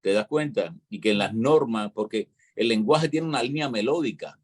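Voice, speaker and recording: A man's voice: medium pitch, animated, normal speed. A man with a Cuban accent, talking in a casual show conversation and explaining at length, often checking in with "¿entiendes?". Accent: Cuban Spanish. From Cuba. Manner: lecturing, explanatory, peppers talk with "¿entiendes?".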